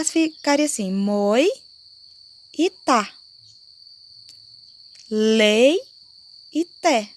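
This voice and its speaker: A Brazilian woman teacher giving a slow, explanatory lesson to fourth graders and checking often that the class follows. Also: a little high. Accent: Brazilian Portuguese.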